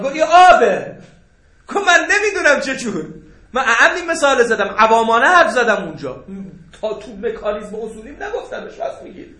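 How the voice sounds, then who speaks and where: Male seminary teacher, high bright voice, animated and joking, echoey classroom. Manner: animated, joking, rhetorical questions. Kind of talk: jurisprudence lecture to students. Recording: echoey room.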